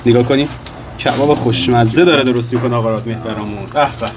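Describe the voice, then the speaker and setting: A woman's voice: a bass voice, background noise. A woman, filming on a phone as she coaches a small child through grilling kebabs outdoors, with patient, encouraging instructions. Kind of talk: casual home vlog. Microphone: phone camera.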